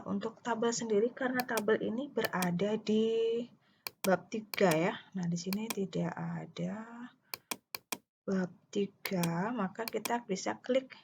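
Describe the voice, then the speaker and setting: A woman giving a step-by-step software tutorial, thinking aloud haltingly and at times dictating words as she types. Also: medium pitch. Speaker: instructor. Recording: muffled lo-fi mic, clear background noise. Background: keyboard typing and mouse clicks.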